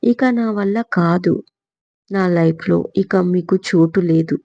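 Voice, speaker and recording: A woman's voice: lowish voice, unhurried, dark tone, dull audio. A woman voicing a bitter, accusing young man. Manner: harsh, accusing. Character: angry young man confronting his scheming aunt.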